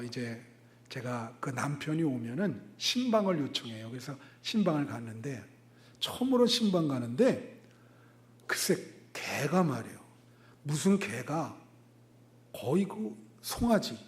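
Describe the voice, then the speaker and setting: A middle-aged man preaching a sermon as pastor, telling a personal story with sudden loud bursts and asides to the congregation. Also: fairly high pitch.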